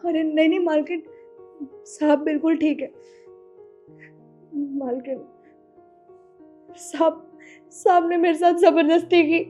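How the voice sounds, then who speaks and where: A woman playing a frightened young housemaid who is crying and speaks in halting, stammering bits. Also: extremely high pitch, steady tone, mellow, faint music behind. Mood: tearful.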